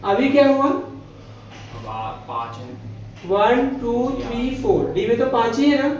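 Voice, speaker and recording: A man's voice: very high voice, very animated, slow pace, darkish tone. A male chemistry teacher giving a classroom lecture, asking the students questions and answering them himself, affectionately calling them "beta". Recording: echoey classroom.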